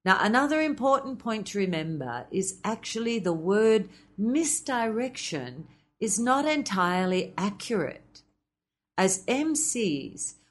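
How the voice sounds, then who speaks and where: A woman teaching presenting skills to MCs, speaking in a measured, explanatory way with playful asides. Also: medium pitch. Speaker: MC trainer. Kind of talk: instructional talk.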